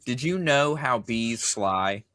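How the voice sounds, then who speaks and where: A man's voice: mid-range voice, expressive, slow, bright, forceful tone. A man co-hosting a casual podcast chat, playful and full of teasing questions. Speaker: podcast co-host.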